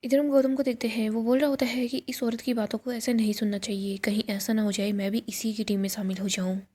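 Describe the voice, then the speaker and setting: A woman casually retelling a TV serial episode, reading out what each character says in a plain, steady way. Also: on the high side, quick pace, slightly rough. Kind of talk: casual storytelling recap.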